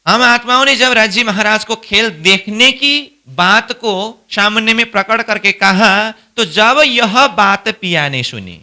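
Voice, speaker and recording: A man's voice: high voice, bright, forceful tone. A man teaching a devotional scripture class, explaining verses by posing questions and answering them himself. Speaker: spiritual instructor.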